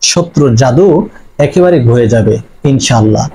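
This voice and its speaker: A man's voice: mid-range voice, lively intonation, moderate pace, dark tone, poor audio. A man giving earnest, reassuring religious instruction to viewers, repeating phrases for emphasis. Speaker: Islamic spiritual teacher.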